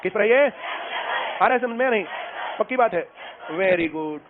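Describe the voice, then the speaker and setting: Over a noisy classroom crowd, this maths teacher speaks expressively in a high pitch at a measured pace, repeatedly checking that students have understood. It sounds lo-fi, almost like a phone recording.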